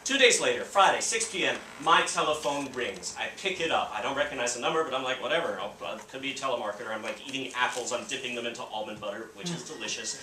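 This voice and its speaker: A man's voice: mid-range voice, animated, fast talker, hardly any pauses, bright, forceful tone, reverberant, distant mic, a little hiss or hum. A man telling a funny true story at a live storytelling night, wry and self-mocking.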